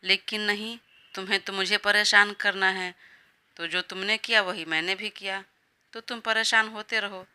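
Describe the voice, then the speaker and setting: A woman's voice: medium pitch, fairly even intonation, normal speed, sharp tone, clean tone. A woman voicing a defiant young bride who complains and schemes against her husband.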